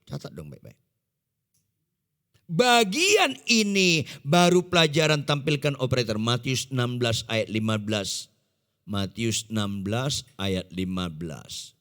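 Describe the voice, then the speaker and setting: A man preaching a sermon in speech, emphatic, shifting between loud and quiet and putting questions to the congregation. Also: mid-range voice, big pitch swings, measured pace. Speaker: pastor. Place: large church hall. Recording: echoey church hall.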